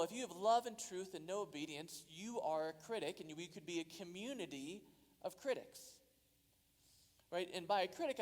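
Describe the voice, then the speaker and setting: A man preaching a sermon as a pastor, earnest, and his voice rises for emphasis. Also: sits high. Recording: long hall reverb.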